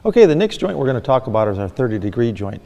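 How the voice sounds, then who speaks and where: A man's voice: mid-range voice, sing-song, very fast, creaky, dark tone, big-room sound, dull audio. A middle-aged man from Michigan, a fab shop owner giving a plain, practical welding lesson, often saying "actually". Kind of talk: instructional demonstration. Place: large indoor workshop.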